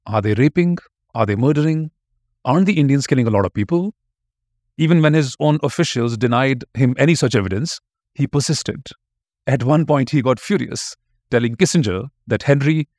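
A man's voice: mid-range voice, dry recording, studio quality. A man giving scripted narration as a history podcast narrator, reading out quotes in a storytelling tone.

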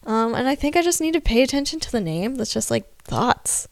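A woman hosts a casual podcast in a relaxed, chatty manner. Her voice sits a little high. The sound is dry and close, with no room around it. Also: a little fast, gravelly, no echo. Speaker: podcast host.

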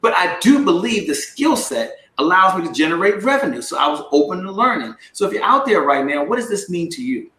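Emphatic man with a bright, echoey voice. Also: high voice, sing-song, a little fast, hardly any pauses. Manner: emphatic, call-and-response with the audience. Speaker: sales coach and speaker. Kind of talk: motivational talk to a live audience. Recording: echoey room.

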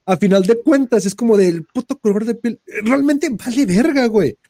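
A man's voice: very high-pitched, lively intonation, moderate pace, mellow, dry recording, clean studio sound. A man with a Mexican Spanish accent hosting a podcast, ranting in crude slang and slipping into mocking voices. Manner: crude, slang-heavy rant with mocking put-on quote voices. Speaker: podcast host. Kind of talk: casual podcast chat.

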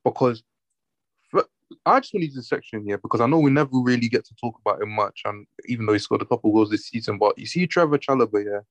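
Male, mid pitch, London roadman accent, emphatic slangy football chat, dry muffled sound. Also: fast, no echo.

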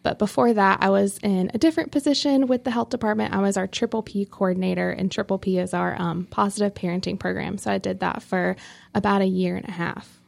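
A woman's voice: medium pitch, steady tone, brisk, creaky, a little mellow. A young woman from North Carolina, a health educator, answering interview questions in a friendly, explanatory way.

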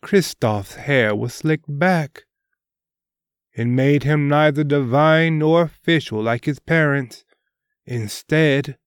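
A man hosting and narrating a serial story, reading scripted dramatic prose in a measured, deliberate way. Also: medium pitch, smooth, dry recording, clean studio sound.

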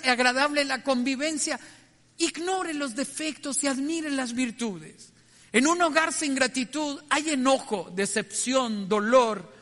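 Male preacher, bright tense tone, earnest devotional delivery, long reverb. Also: very high voice. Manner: earnest, reflective, asks listeners direct questions. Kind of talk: devotional radio message.

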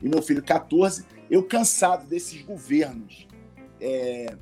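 A man's voice: a little high, lively intonation, takes it slowly, warm tone, faint music behind. A middle-aged man with a Carioca accent, a pastor and singer, chatting as a guest in a radio studio in an effusive, fervent way full of religious exclamations. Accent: Carioca Portuguese. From Rio de Janeiro, Brazil. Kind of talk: casual radio interview chat.

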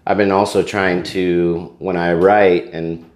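A man who is a musician chatting casually as a guest, telling stories in a relaxed, rambling way with plenty of fillers. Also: low voice, takes it slowly. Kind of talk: casual chat.

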